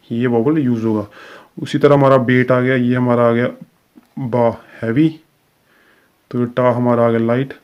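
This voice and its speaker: A man's voice: mid-range voice, a little mellow, dull audio. A man teaching a recorded shorthand lesson, explaining each sign step by step with frequent fillers.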